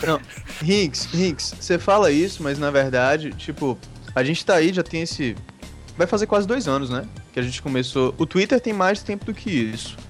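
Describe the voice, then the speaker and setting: Easygoing slightly high Brazilian man. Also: expressive, normal speed, soft background music. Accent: Brazilian Portuguese. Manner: easygoing, explains with filler "tipo". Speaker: podcast guest, site team member. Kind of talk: casual podcast chat.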